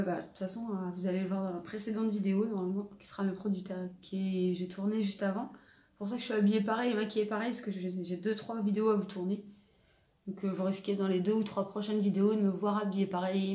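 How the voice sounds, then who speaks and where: A woman's voice: mid-range voice, dark tone. A woman talks through her shopping haul in easy, rambling chat, often stopping on filler sounds as she shows each item. Her voice sits in the middle for a woman. The recording is echoey, with faint noise behind her. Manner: rambling, lots of "euh" and "donc" fillers. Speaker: haul vlogger. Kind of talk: casual product haul chat. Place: room at home.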